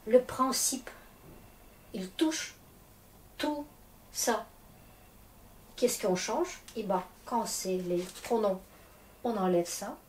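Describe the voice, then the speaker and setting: A woman's voice: medium pitch, lively intonation, drawn-out words, pauses often, darkish tone. A woman who is a Russian teacher and native Russian speaker, explaining grammar patiently and checking often that the class follows. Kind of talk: classroom lesson. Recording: echoey room, distant mic, faint noise.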